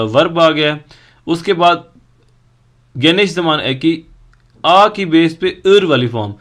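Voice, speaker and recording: Guy teaching grammar, kinda high voice, slow and patient, repeats word forms one by one. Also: a bit bright. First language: Urdu. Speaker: language teacher. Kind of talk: explaining grammar in a recorded lesson.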